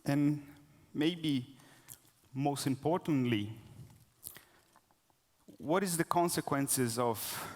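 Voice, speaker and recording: Nervous man speaking in a reverberant hall. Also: medium pitch. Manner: hesitant, with many restarts and fillers. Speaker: conference speaker. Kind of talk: live conference talk. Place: conference hall.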